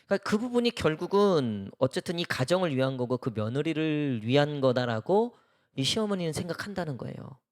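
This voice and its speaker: A man's voice: on the high side, big pitch swings, a little fast. A man preaching a midweek sermon in a church, talking conversationally and often asking the congregation questions. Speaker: pastor.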